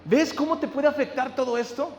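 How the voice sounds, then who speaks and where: A man's voice: very high voice, fairly quick. A male pastor, preaching a sermon, often checking in with listeners and acting out family conversations. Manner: acts out family dialogue in anecdotes. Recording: long hall reverb.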